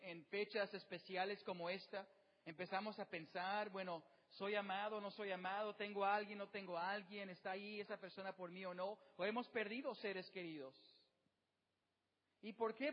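A male pastor preaching a sermon outdoors, often asking the congregation questions and slowing down to stress key words. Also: high voice. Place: outdoor service with birds nearby. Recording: dull sound with long reverb.

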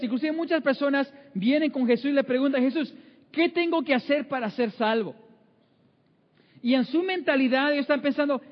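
A man preaching a sermon in a conversational way, with many fillers and acted-out inner voices. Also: extremely high pitch. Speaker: pastor. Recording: muffled sound in a reverberant hall.

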